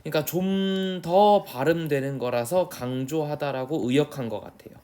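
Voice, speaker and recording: A man's voice: a little high, warm tone. Casual Korean man teaching English. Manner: reads English lines slowly, then explains in quick casual speech with many tag questions. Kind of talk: exam prep lecture.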